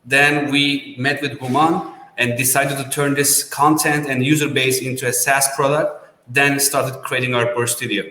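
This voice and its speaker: A man, a startup co-founder, giving a business pitch with non-native phrasing and frequent restarts. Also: flat delivery, normal speed, few pauses, sharp tone. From Turkey. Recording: roomy with long reverb.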